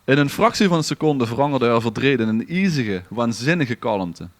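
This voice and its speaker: Recorded dry, a mid-range male voice with lively intonation speaks at normal speed. He has a Limburgish Dutch accent and is a podcast storyteller giving a theatrical, literary reading of a dramatic scripted story.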